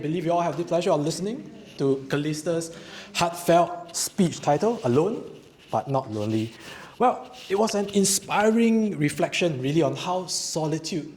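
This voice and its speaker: A man's voice: on the high side, darkish tone, a little hiss or hum. A man, the club president, evaluating a speech and praising the speaker.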